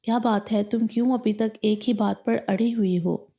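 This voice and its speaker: A woman narrator voicing a calm, caring young woman who coaxes her upset friend, in a storybook reading. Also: on the high side, normal speed, natural voice. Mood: coaxing. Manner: gentle coaxing.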